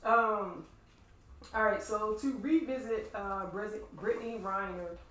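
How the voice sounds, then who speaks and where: A woman's voice: medium pitch, slow pace, a bit bright. A woman co-hosting a casual podcast chat, playful and teasing. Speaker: podcast co-host. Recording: roomy, echoey sound from a distant mic.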